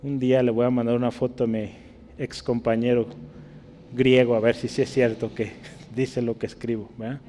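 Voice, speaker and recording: A man teaching a casual Bible class as a pastor, chatty and checking in with his listeners, stretching out key words slowly to stress them. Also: mid-range voice, level tone, dark tone, slight background noise. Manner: chatty, keeps checking in with the room. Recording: long reverb in a hall.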